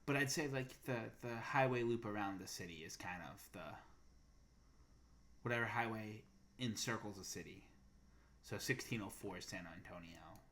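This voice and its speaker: This young podcast co-host from Massachusetts has a voice on the low side with a fairly bright tone, speaking at normal speed. His talk is casual, full of fillers as he works through his thoughts aloud.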